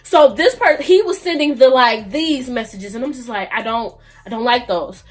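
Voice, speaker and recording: High-voiced sassy young woman vlogger. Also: normal speed. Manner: sassy, animated storytelling with slangy asides to viewers. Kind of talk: casual storytime vlog.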